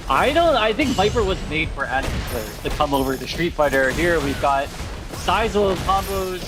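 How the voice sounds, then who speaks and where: A man giving analytical color commentary on a fighting-game match in a measured, reflective way. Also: fairly high pitch, big pitch swings, music in the background, rough recording. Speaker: esports commentator.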